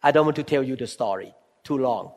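Slow older man with a Thai accent. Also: medium pitch, a little mellow, in a large hall. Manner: slow, emphatic, short broken phrases. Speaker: guest speaker giving testimony. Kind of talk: sermon testimony, interpreted.

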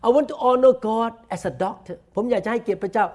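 A man with a Thai accent preaching a sermon, saying each point in slow, deliberate English and then repeating it quickly in Thai. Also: extremely high pitch, darkish tone. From Thailand. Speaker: pastor. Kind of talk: bilingual sermon, self-translating.

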